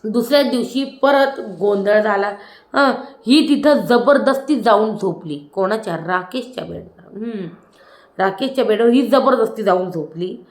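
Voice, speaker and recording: A woman reviewing a reality show episode in a casual, chatty way. She keeps stopping to correct herself and add asides as she retells what happened. Her voice sits at an ordinary middle pitch and sounds roomy, recorded in an echoey space. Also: unhurried.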